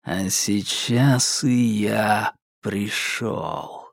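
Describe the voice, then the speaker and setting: Audiobook: man voicing menacing psycho, very slow drawn-out low drawl, dry read. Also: fairly even intonation, gravelly, no echo, full character voice. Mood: slow menace. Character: unstable male killer, menacing, erratic temper.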